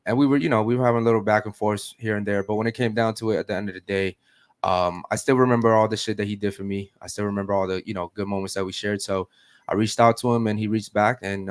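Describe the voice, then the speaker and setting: Blunt low-voiced podcast host. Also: male voice, clean tone, no echo. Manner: blunt, drops "bro" and "man" often. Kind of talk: casual podcast chat.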